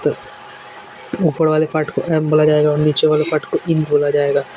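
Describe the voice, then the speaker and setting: Male shorthand teacher, steady monotone, patient repetition, light background noise. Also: a little high, brisk, rough recording. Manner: repeats examples patiently, step by step. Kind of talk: classroom lesson explaining strokes.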